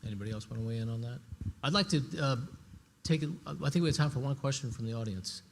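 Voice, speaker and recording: A man moderating a conference panel, asking lively, animated questions. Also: medium pitch, fast talker, slight background noise. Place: large conference hall.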